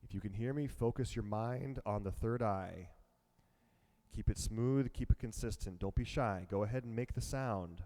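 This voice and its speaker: A man with a lowish, mellow voice leads a guided meditation. He talks slowly and softly, in calm, measured instructions. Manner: slow, calm and soft-spoken. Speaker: meditation teacher.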